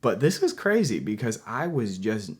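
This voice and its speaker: A man's voice: fairly low pitch, moderate pace, breathy edge. A young man in a casual interview, telling stories with many fillers and acting out what people said. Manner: animated storyteller, acts out quotes loudly; filler-heavy, many restarts. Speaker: podcast guest. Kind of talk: casual conversation.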